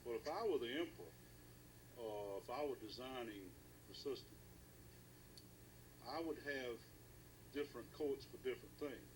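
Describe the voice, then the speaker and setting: An American man in a casual political discussion, speaking in a halting but emphatic way and repeating phrases for weight, on a noisy recording. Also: medium pitch.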